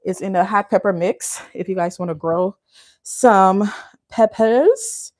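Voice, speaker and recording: Speaking slowly in a mid-range, somewhat mellow voice, a Liberian cooking channel host chats casually on her live stream. She addresses viewers as y'all, laughs often, and is recorded with no echo.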